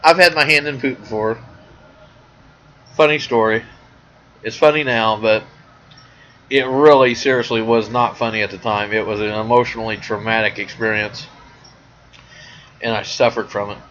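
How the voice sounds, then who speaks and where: A man's voice: mid-range voice, normal speed, pauses often. Rambling man, lo-fi. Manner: rambling, animated storytelling. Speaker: podcast host. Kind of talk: casual comedic monologue. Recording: dull lo-fi sound.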